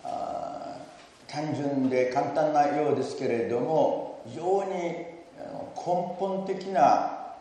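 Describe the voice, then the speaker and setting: Warm-voiced man preaching in an echoey church. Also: takes it slowly, slight background noise. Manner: earnest, stresses key words with lifts in pitch and volume; leads the congregation in repeating a verse. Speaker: pastor. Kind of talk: sermon. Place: church sanctuary. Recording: echoey church hall, mic at a distance.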